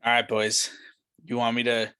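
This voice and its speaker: A man's voice: mid-range voice, monotone, moderate pace, bright, forceful tone, slight background noise. Easygoing male podcast co-host. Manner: loose, joking intros. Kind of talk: casual chat.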